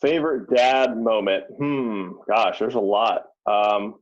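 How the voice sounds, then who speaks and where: A man telling stories as a guest on a podcast, in a relaxed, easygoing way. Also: fairly low pitch, slow. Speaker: podcast guest, real estate investor. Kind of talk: casual interview chat. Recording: dull lo-fi sound.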